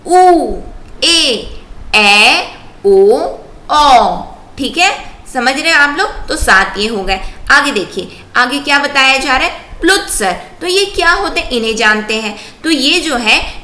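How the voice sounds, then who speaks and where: A woman's voice: high-pitched, sharp tone, reverberant. An Indian woman teaching a grammar lesson for exam prep, asking questions and answering them herself while drilling sounds aloud.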